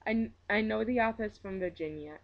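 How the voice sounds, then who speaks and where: A woman's voice: medium pitch, fairly quick, dull audio. A woman with a Minnesota accent giving a casual, opinionated book review rant, emphatic, blunt and joking in her exasperation. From Minnesota, USA.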